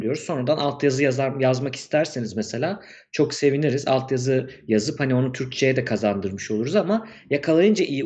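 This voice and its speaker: A man's voice: medium pitch, darkish tone, muffled recording. A man co-hosting a casual podcast, chatting loosely and reading out viewer messages. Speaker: co-host.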